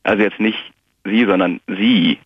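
A man calling into a radio show over the phone, reciting his rhyming poems with a steady rhythm, and hesitant with fillers when he just talks. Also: on the low side, measured pace, husky, no room sound. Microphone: telephone. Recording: dull phone-line sound.

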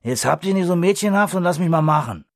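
A man's voice: fairly high pitch, animated, fast talker, no echo, studio quality. A man voicing a boisterous, mocking drunkard in an audiobook reading, with a brash, raised voice.

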